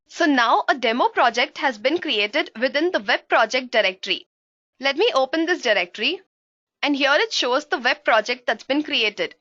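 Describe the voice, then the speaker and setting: A woman's voice: high voice, pushed and bright, no room sound, highs cut off. A woman instructor giving a live coding tutorial, explaining each step and often calling her listeners guys, heard through livestream headset audio. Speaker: programming instructor.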